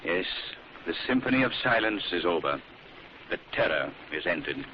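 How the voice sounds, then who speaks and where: An actor playing a commanding, calm and ominous crime-fighting vigilante in a theatrical, solemn 1940s radio style. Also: male voice, deep voice, moderate pace. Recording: muffled, noisy old radio recording.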